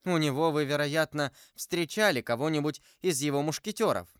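A man's voice: a little high, normal speed, smooth, no echo, studio quality, voice pushed up, close to an everyday voice. A man reading an audiobook, voicing a trusting young woman, a convent novice, who speaks earnestly and eagerly. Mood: curious. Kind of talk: audiobook character voice.

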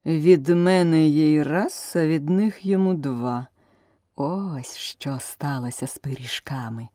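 A woman doing a slow, smug fairy-tale king. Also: low-pitched, mellow, dry recording, studio quality. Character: pompous self-satisfied old king judge.

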